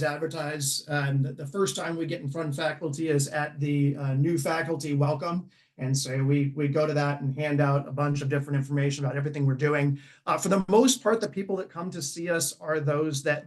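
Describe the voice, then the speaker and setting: A man's voice: on the high side, fairly even intonation, brisk. A man from a university teaching center, answering informally as a panelist on a video call.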